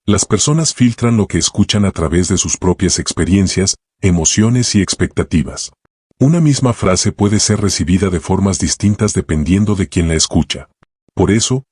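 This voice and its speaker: A man narrating a self-help audiobook in a calm, measured way, speaking in short reflective phrases. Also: deep voice, breathy edge, no echo, studio quality.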